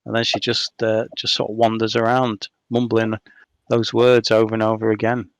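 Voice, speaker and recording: A man narrating as game master in a tabletop game, relaxed and with frequent ums. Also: fairly low pitch, moderate pace, dry recording.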